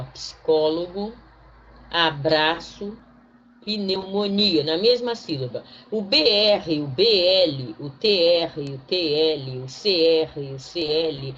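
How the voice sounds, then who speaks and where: Woman teacher explaining patiently. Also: deep voice. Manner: explains step by step, checking in with "tá?" and "né?"; slows down to spell out example words one by one. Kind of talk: recorded online grammar lesson. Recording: dull lo-fi recording, faint noise.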